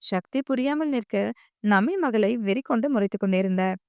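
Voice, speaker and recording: A woman narrating an audio novel in a steady storytelling manner. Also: mid-range voice, moderate pace, clear, resonant tone, dry recording, studio quality. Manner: steady storytelling, voicing every character.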